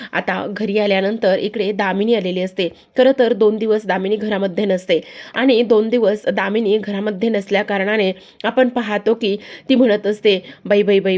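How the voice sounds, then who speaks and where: A woman's voice: medium pitch, a little mellow. A woman recapping a TV serial episode in a conversational storytelling style, addressing viewers directly. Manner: conversational, repetitive connecting phrases.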